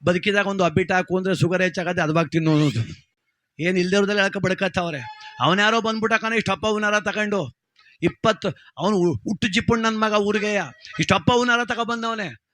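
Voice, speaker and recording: A man telling a comic village folk story in a lively, chatty way. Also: high voice, brisk, no room sound. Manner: lively, chatty, addresses listener.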